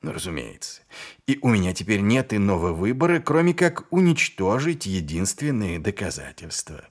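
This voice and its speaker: A man voicing a gruff, sly middle-aged male watch commander who speaks with dry, mock-innocent menace. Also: on the low side, sing-song, normal speed.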